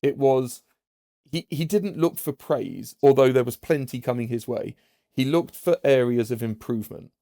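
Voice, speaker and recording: A man, a former aide, telling animated stories from his work in a podcast conversation, with frequent restarts. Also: mid-range voice, normal speed, vocal fry, no room sound, studio quality. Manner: animated anecdotes with many restarts.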